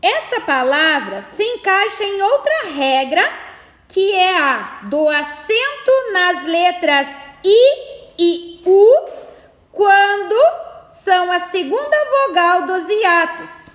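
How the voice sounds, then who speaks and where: A woman's voice: extremely high pitch, big pitch swings, takes it slowly, a bit bright, roomy sound. A woman teacher, patiently explaining a lesson and reading exercises aloud.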